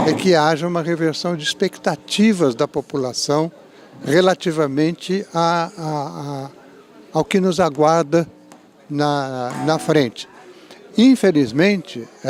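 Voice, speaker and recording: In an interview, a middle-aged Brazilian education professor analyzes his subject in careful academic phrases, his Portuguese accent clear and his voice a little high. He restarts frequently and adds "né?" tags.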